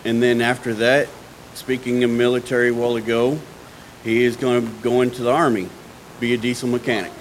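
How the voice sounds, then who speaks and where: A man's voice: mid-range voice, little pitch movement, a little fast, background noise. Casual man making church announcements. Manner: informal, stumbling over words.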